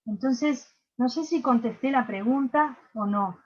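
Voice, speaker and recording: A woman's voice: fairly high pitch, unhurried, highs cut off. A woman with a Uruguayan Spanish accent giving an online workshop lecture, explaining patiently with frequent fillers and checking questions. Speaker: workshop instructor.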